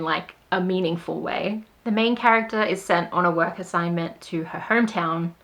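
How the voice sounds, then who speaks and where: A woman's voice: lowish voice, fairly bright tone. Wry, chatty woman author vlogging. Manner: wry, sarcastic, self-deprecating. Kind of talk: casual talking-to-camera vlog.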